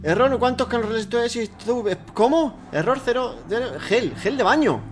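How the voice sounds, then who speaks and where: A man with a Spain Spanish accent doing excitable horror game let's play commentary at a desk mic, swearing and shrieking when startled. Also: very high-pitched, measured pace. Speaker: gaming YouTuber. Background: game music and keyboard typing.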